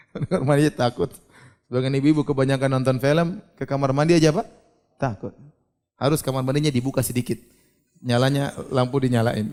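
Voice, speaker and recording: A man giving a religious lecture, animated and questioning, who asks his audience questions and acts out scenes. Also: fairly high pitch. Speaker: preacher.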